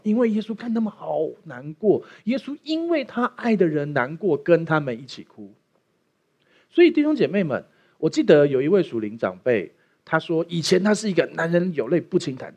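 A man's voice: on the high side, a little mellow. A man preaching a sermon as pastor, opening with a prayer and joking with the congregation. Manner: playful, jokey preaching with acted asides.

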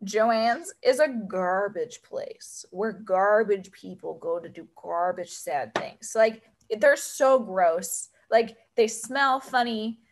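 A woman's voice: medium pitch, lively intonation, slow pace, hardly any pauses. A young woman co-hosting a podcast, chatting casually with sardonic, dramatic rants. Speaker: podcast co-host. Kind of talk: casual chat.

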